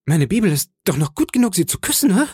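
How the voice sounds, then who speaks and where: A man's voice: high voice, sing-song, quick pace, a little mellow, husky, no echo, clean studio sound, voice pushed up, full character voice. A man voicing a grumbling, superstitious male pirate sailor in a storybook reading. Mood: sulky.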